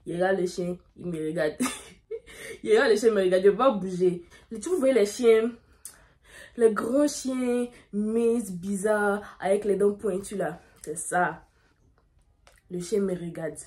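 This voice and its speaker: A young woman, telling a dramatic story in a lively way while doing her makeup. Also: medium pitch, a little slow. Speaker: beauty vlogger.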